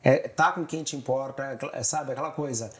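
A man in his forties, a guest TV director, telling stories in a casual, animated conversation. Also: mid-range voice. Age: 40s. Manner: animated storyteller, rapid run-on phrasing.

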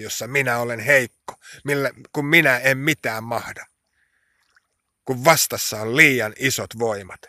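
Guy preaching a sermon, bright forceful voice, slow and emphatic, gets loud and pleading when praying. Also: mid-range voice, dry recording, studio quality. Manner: impassioned, rising to pleading cries in prayer.

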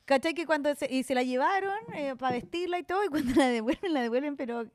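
A woman's voice: high-pitched, quick pace, a crowd in the background. A Chilean woman, a podcast guest, telling stories in casual chat and acting out what others said. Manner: animated storyteller acting out quotes.

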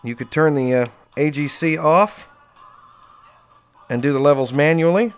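Indoors at home, a man gives a close-up tabletop demo of some equipment, chatting unscripted and explaining as he goes with dry enthusiasm. His voice is a little high and smooth, his pace measured, with soft music in the background.

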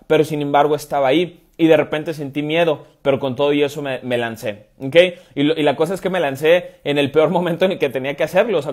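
Emphatic man asking rhetorical questions. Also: a little high. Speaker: online business coach. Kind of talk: motivational live stream. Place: indoors, room with stone-pattern wall. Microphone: wired earphone headset mic, phone camera.

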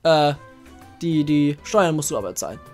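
A woman's voice: sits low, animated, moderate pace, a little mellow. A woman let's player reading game text aloud and commenting casually. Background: video game music.

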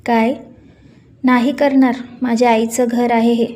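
A woman's voice: a little high, unhurried, lightly acted. A woman reading a firm, defiant young woman. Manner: firm, steady.

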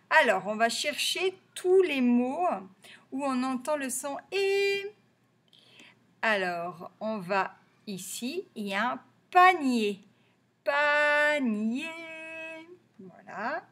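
A woman's voice: mid-range voice, vocal fry, a bit bright, breathy edge. A woman teaching young children to read in French, patiently repeating each word and stressing its sounds. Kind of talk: early reading lesson for young children.

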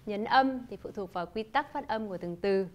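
A woman teaching a lesson, explaining in a clear, measured way and demonstrating example phrases. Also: medium pitch, darkish tone. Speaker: English teacher. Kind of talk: scripted lesson narration.

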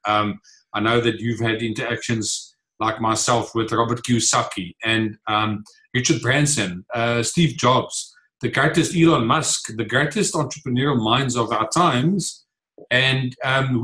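On a rough video-call recording from his home office, a medium-pitched, fairly bright-toned man answers interview questions earnestly. He's an author and entrepreneur in his forties from the Free State, Afrikaans-speaking first with a South African accent, who gestures while talking and leans on frequent fillers.

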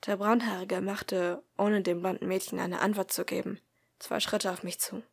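A woman reading a fan fiction audiobook in a soft, often half-whispered narration. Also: mid-range voice, level tone, moderate pace, gravelly, breathy edge. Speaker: audiobook reader.

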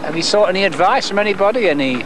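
A man narrates a light news feature and questions his subject with a playful, teasing energy. His voice swings widely and sits a little high for a man. Faint outdoor noise hangs behind him on the old tape. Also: racing. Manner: lively, playful, rhythmic delivery. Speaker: TV reporter.

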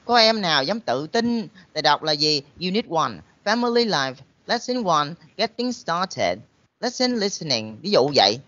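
The voice of a Southern Vietnamese man, a teacher speaking to a room of students with an emphatic, coaxing delivery. His tone is bright and forceful and the sound is dry. The recording is dull and lo-fi. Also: fairly high pitch, sing-song, a little slow, no echo. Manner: emphatic, full of rhetorical questions. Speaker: college teacher. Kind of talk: motivational talk to students.

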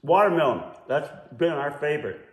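A man's voice: fairly high pitch, expressive, normal speed. A man co-hosting a casual taste-testing vlog, joking and rambling as he hunts for words. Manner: jokey, rambling, searches for words. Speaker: vlog co-host. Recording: echoey room.

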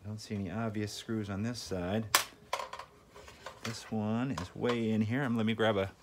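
A man with a lowish voice and fairly even intonation talks at a moderate pace while doing a casual repair at an indoor work table. As host of a tinkering channel, he thinks aloud in a folksy way. The recording clearly captures background noise, clicks, and handling sounds.

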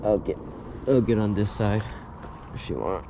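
Low-voiced man muttering while fishing. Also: moderate pace, highs cut off. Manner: relaxed, mutters to himself while casting. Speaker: angler filming his fishing trip. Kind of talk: casual running commentary. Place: grassy pond bank outdoors. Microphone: body-worn action camera. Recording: outdoor action-cam audio with clear background noise.

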